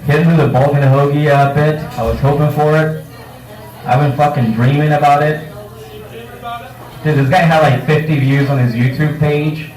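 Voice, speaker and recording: A man's voice: fairly high pitch, steady tone, moderate pace, darkish tone. A man doing a live stand-up set at a bar comedy night, talking casually and profanely on a handheld mic, with self-mocking crowd work. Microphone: handheld microphone. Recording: roomy bar sound from a distance.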